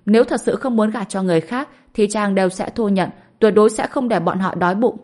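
A woman's voice: medium pitch, fairly quick, darkish tone, lightly acted. A woman voicing a playful, teasing young wife in an audiobook. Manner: teasing, mischievous. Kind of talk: audiobook character voice.

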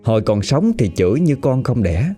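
A man with a Southern Vietnamese accent telling a story in a lively, conversational way. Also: mid-range voice, normal speed, slightly rough, faint music behind. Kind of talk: spoken storytelling.

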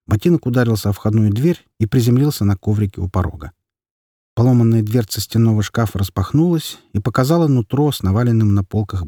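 A man narrating a story in an expressive, scripted reading. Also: lowish voice, slightly rough, no room sound, studio quality. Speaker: audiobook narrator.

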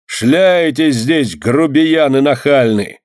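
A man doing a gruff shouting yard-keeper. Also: medium pitch, lively intonation, slow pace, dry recording, studio quality, voice pushed up. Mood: angry.

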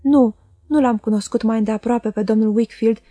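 A woman's voice: a little high, fairly even intonation, dark tone, dry recording, clean studio sound, natural voice. A woman reading as an honest young lawyer. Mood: pointed.

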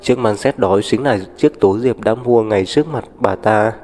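A man narrating an audiobook in a steady, even storytelling manner. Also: on the low side, normal speed. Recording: long reverb with background music.

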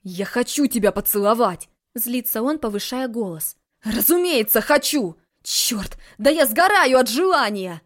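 A woman's voice: mid-range voice, steady tone, normal speed, darkish tone, close to an everyday voice. A woman reading the lines of a serious, guarded young man in an audiobook. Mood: heated. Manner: serious, heated outbursts. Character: young man, earnest, guarded, hot-tempered.

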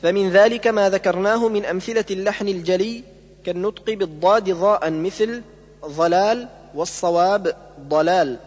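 A man reading a lesson on Quran recitation aloud, slowing down to demonstrate words one at a time. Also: high-pitched, long reverb tail. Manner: measured reading, demonstrating words slowly in contrast. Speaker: Quran recitation teacher reading a tajweed book. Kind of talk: audiobook reading of a tajweed lesson.

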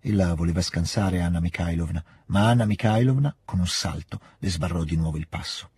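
Deep, husky male audiobook narrator. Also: fairly quick, a little mellow, no echo. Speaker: audiobook reader.

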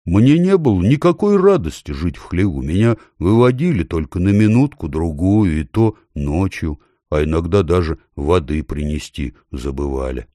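A man reading an audiobook, voicing a meek, simple-minded male donkey who speaks slowly and apologetically. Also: deep voice, sing-song, warm tone, dry recording, studio quality. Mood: sheepish. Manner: slow, sheepish and apologetic.

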